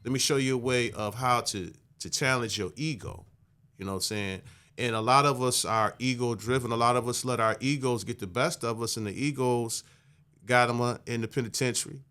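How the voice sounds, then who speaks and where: A man in his fifties from Michigan, a podcast guest telling stories in a calm, measured, conversational way and often adding "you know". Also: smooth. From Michigan, USA. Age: 50s. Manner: calm and measured, low-key, frequent "you know" asides. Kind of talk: conversational storytelling.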